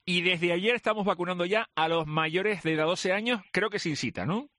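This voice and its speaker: A man hosting a morning radio show, chatty and quick, with many fillers. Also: high-pitched, sharp tone, no echo, studio quality. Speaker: radio host.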